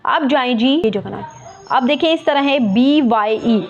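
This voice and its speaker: A woman's voice: sits high, a little slow, faint music behind. A woman teacher explaining a lesson, spelling words out letter by letter and repeating key terms. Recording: muffled lo-fi recording.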